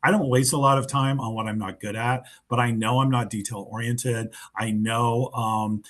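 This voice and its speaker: Male webinar host, mid-pitched, casual and unpolished, lots of ums, video call. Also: fairly even intonation, moderate pace, a bit bright. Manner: informal, loose, with many fillers. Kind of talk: webinar presentation.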